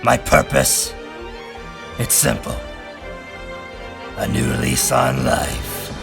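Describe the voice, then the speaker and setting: A man voicing a grotesque undead villain bent on immortality, speaking in a disguised deep, gravelly voice. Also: lively intonation, extremely slow, exaggerated voice. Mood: menacing. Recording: music playing underneath.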